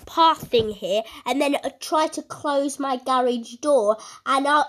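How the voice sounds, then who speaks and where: A woman's voice: high-pitched, fairly bright tone. A young woman giving casual commentary on her gameplay, chatty, with many fillers and a constant "guys". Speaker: gaming YouTuber.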